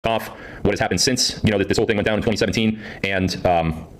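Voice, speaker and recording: A man talks to his live audience through a voice changer that pitches his voice deep and unnatural. He rattles along at a very fast clip and keeps circling back over the same points. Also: low-quality recording. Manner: rambling, repeats himself. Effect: deep pitch-shifting voice changer. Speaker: live streamer. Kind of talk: casual monologue to viewers.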